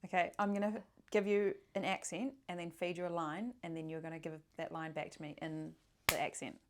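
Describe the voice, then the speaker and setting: Brisk New woman co-host. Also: lowish voice, flat delivery. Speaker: podcast co-host. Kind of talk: casual chat running a game.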